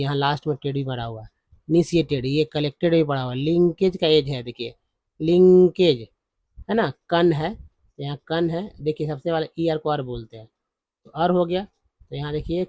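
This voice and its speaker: A man teaching English spelling and pronunciation from slides, repeating syllables slowly and calling viewers friends. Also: a little high, mellow, no echo. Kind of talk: slide-based phonics lesson.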